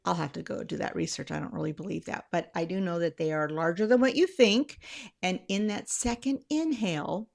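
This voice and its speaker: Fairly quick and on the low side, with vocal fry and a slightly mellow quality, a middle-aged channel host talks through anxiety tips. She's conversational and chatty, rambling a little and catching and correcting herself.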